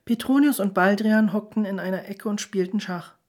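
A woman narrating a novel aloud in a steady, even reading voice. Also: mid-range voice, normal speed. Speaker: audiobook reader. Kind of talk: scripted narration.

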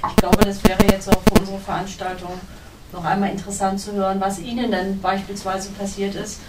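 A woman's voice: mid-range voice, flat delivery, fairly quick, very noisy. A woman moderating a panel discussion, asking long, formal and carefully worded questions. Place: cinema hall. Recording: echoey hall, distant mic.

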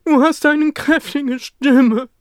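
A storyteller voicing an old female work horse in a raised, drawn-out, cheerful voice. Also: high-pitched, steady tone, no echo, studio quality, pitched above the performer's own voice. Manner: slow, drawn-out, upbeat coaxing. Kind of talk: storybook reading.

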